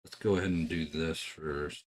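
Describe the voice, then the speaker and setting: Speaking at a moderate pace with a very deep, fairly even voice, this young man chats casually while painting on a stream. He spins relaxed stories, peppered with curses and little laughs.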